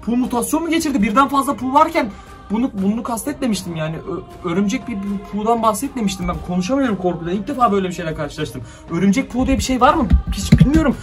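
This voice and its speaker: A man's voice: very high-pitched, lively intonation, fast, a bit bright, far from the mic. A young man making a drone video, telling his viewers nervously about something strange he sees and muttering orders at the drone. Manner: frightened, jittery, talks to viewers, mutters commands to the drone. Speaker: YouTuber. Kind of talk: excited horror-drone vlog. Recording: voice from off the mic, light music behind.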